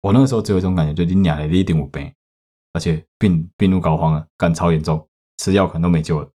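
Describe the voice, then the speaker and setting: A man with a Taiwanese Mandarin accent, telling a story casually on a podcast and swearing in sudden loud outbursts. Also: low voice, steady tone, quick pace. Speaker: podcast host.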